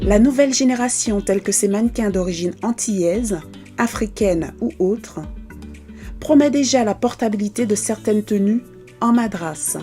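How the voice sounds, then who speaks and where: A woman's voice: medium pitch, normal speed, loud music behind the voice. Composed woman reporter narrating. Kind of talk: scripted narration.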